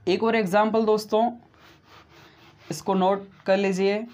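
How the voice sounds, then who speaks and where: A man teaching a video grammar lesson who speaks slowly and deliberately, addresses viewers as friends, repeats each example and keeps adding a "right?" tag. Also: high-pitched, level tone, darkish tone. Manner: slow and deliberate, says he explains step by step.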